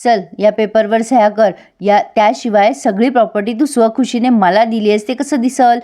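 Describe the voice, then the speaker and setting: A woman's voice: on the high side, steady tone, normal speed, natural voice. A woman voicing a bullying greedy man. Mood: threatening. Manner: shouting threats, harsh demands. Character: angry bullying middle-aged man, greedy.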